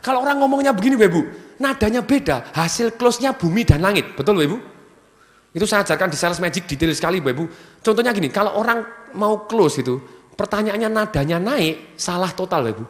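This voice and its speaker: A man's voice: high-pitched, quick pace. A man giving a motivational business seminar to a live audience, energetically firing questions for them to finish. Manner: energetic, keeps asking the audience fill-in questions. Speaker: seminar speaker. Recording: long hall reverb from a venue PA.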